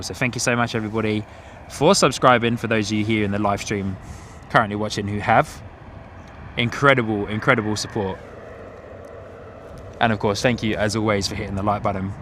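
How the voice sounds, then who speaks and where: Male livestream host, English accent with New Zealand twang, mid-pitched, casual plane-spotting chat, noisy outdoor airport recording. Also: fairly bright tone. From Hertfordshire, England. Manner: chatty, thanks and greets viewers by name. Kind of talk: casual live commentary and chat to viewers. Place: outdoors on a van-top platform by an airport. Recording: outdoor airport ambience, clear vehicle noise.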